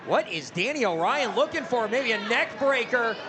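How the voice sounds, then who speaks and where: A man commentating on wrestling in an excitable, exclamatory way. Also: extremely high pitch, moderate pace. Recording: very noisy, loud crowd. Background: loud crowd.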